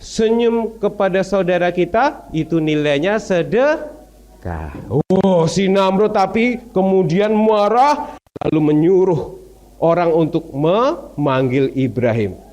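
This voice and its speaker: A man telling a religious story to children in an animated, playful way, often asking them questions. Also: sits high, slow.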